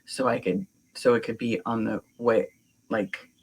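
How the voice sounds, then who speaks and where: A woman's voice: rumbling low, steady tone, a little slow, husky, low-quality recording. A woman guest on a podcast, speaking candidly in casual chat, emotional but joking, with some swearing.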